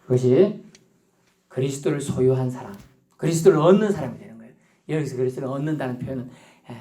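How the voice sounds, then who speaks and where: A man's voice: on the high side, a little mellow. A male pastor preaching a sermon in a church, acting out little scenes and laughing as he goes. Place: church sanctuary.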